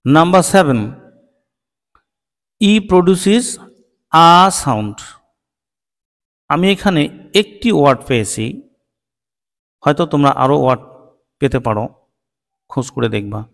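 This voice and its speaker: A man with a Bengali accent, a native Bengali speaker, teaching English phonics to children, drawing out each word slowly as a drill. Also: fairly high pitch, animated, in a large hall. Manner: slow, drawn-out word-by-word pronunciation drills.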